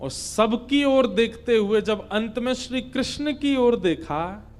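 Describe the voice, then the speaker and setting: A male preacher giving a devotional story sermon, narrating with animated storytelling and chanting scripture verses. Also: very high voice, takes it slowly.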